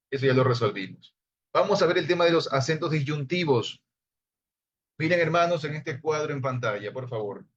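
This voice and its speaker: Man teacher, patient explainer, online class lecture over slightly dull video-call audio. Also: medium pitch. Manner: explains patiently, addresses listeners as brothers. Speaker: Bible Hebrew teacher.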